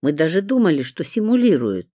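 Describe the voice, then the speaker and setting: An audiobook reader voicing a weary middle-aged duty nurse who talks in a matter-of-fact, confiding way, in a lively, dry-sounding read. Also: mid-range voice, brisk, no echo. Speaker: hospital nurse. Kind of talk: audiobook character reading.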